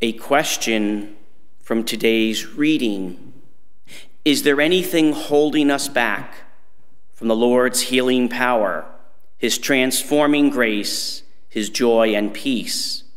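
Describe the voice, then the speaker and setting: A middle-aged man, a priest, reading scripture and preaching at Mass in a measured, solemn manner. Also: mid-range voice. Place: church sanctuary, standing at lectern. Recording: echoing church with long reverb.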